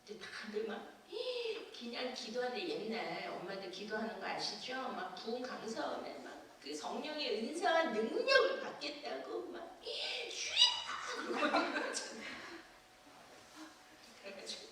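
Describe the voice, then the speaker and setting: A woman pastor preaching a sermon, telling a personal testimony with lively acted-out scenes and frequent laughter. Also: a little high, moderate pace, hardly any pauses, a little hiss or hum. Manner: animated testimony storytelling, acting out scenes, laughing often. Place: church sanctuary. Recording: echoey church from far off.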